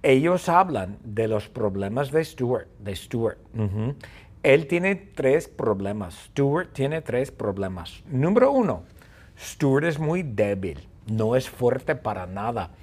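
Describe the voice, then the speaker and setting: Un hombre que narra un cuento absurdo de forma juguetona y repetitiva. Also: male voice, mid-range voice, slow pace, husky. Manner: playful, repetitive, animated. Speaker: storyteller. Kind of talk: playful story narration.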